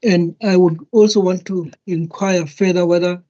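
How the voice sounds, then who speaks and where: A man's voice: high-pitched, fairly even intonation, normal speed, warm tone. Courtly, deferential male advocate, dull call audio. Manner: courtly, deferential, very formal address. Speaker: advocate addressing a judge. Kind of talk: formal courtroom submission. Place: indoor book-lined office on a video call. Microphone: computer microphone on a video call.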